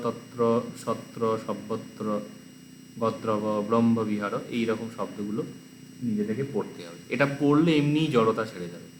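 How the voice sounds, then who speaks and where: A man with a Bengali accent teaching a lesson, slowly reading words aloud one by one to drill their pronunciation. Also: medium pitch, fairly bright tone. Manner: slow, careful word-by-word pronunciation drills. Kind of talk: exam-prep lesson, reading word lists aloud. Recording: echoey room, faint background noise.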